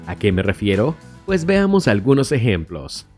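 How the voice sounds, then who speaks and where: Male teacher, scripted lesson read. Mellow tone, very animated melody, careful slow delivery of example words. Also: fairly low pitch, faint music behind. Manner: says English example words slowly and carefully, then glosses them. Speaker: English teacher.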